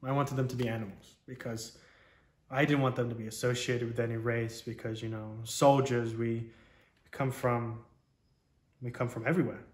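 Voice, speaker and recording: A man, a military veteran, giving a reflective, halting personal testimony in an interview. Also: mid-range voice, level tone. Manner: reflective, halting, frequent "you know". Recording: roomy echo.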